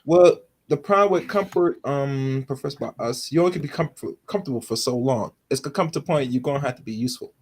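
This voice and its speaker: A man's voice: mid-range voice, fast talker, hardly any pauses. A man in casual chat, rambling with lots of fillers while making his argument.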